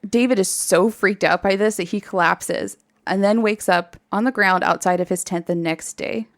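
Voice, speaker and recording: A woman's voice: medium pitch, normal speed, no echo, clean studio sound. Woman casually retelling a story. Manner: animated, laughs often, acts out quotes. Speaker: podcast host telling a story.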